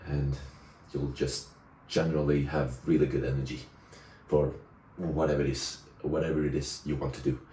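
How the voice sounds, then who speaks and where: Very deep-voiced young man. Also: level tone, moderate pace, warm tone, slight background noise, low-quality recording. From Sweden. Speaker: vlogger. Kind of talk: casual reflective vlog talk to camera.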